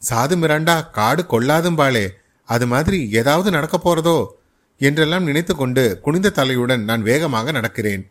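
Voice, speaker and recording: A man narrating a short story as a podcast storyteller, in a steady, measured reading. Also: on the high side.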